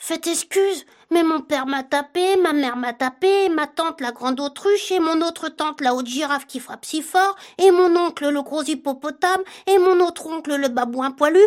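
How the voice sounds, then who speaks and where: A woman playing a timid, squeaky little elephant calf. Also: normal speed, hardly any pauses, natural voice. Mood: timid, polite. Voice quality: very high, pleading, child-like. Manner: timid and overly polite. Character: polite, curious young elephant calf, boy.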